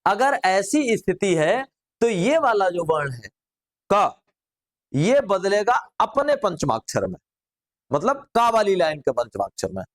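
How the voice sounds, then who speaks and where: A man in middle age with a notably high-pitched voice leads a grammar lesson. He keeps the class engaged by asking them questions and answering them himself. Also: big pitch swings, a little slow. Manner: drills students with rhetorical questions. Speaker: teacher.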